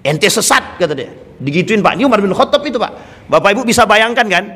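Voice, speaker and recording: A man's voice: high-pitched, sing-song, fast, a bit bright, breathy edge. A man preaching a sermon, talking straight to his listeners and acting out the people he quotes. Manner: addresses audience directly, acts out quoted speech. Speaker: Islamic preacher. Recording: long hall reverb.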